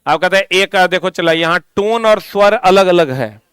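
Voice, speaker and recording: A male teacher leads a physics lesson, asking questions and slowly repeating the answers for students to write down. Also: high voice, fairly bright tone, clear, resonant tone, no echo. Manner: drifts into stern ranting.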